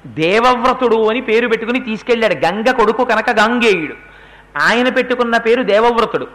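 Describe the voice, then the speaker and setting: A man giving a religious discourse who retells an epic story in an animated way and acts out the characters' speech. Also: very high-pitched, a little fast.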